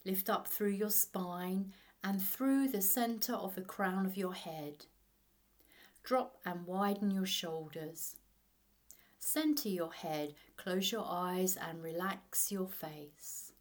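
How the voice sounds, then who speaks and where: A woman narrating a guided meditation in a soothing sleep story manner, hushed and unhurried, leaving long pauses. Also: on the low side.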